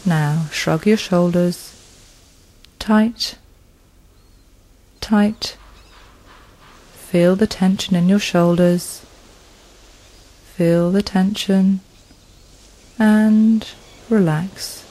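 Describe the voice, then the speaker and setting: A woman leading a guided progressive muscle relaxation, speaking in a slow, soothing manner with long pauses. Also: medium pitch, steady tone, warm tone, rough recording.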